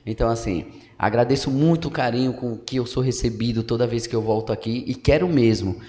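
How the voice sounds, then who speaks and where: This medium-pitched man speaks a little fast with a dark tone, a local journalist in his thirties from Pernambuco, Brazil. As a podcast guest he discusses politics casually and at length, leaning on fillers and tag questions, while long hall reverb fills the council building room.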